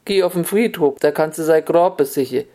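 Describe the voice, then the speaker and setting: A gruff, chatty old village man with an Upper Hessian dialect, as a storyteller puts him on. He talks dismissively, sending a caller away without opening the door. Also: mid-range voice, a little fast, mellow, close to an everyday voice.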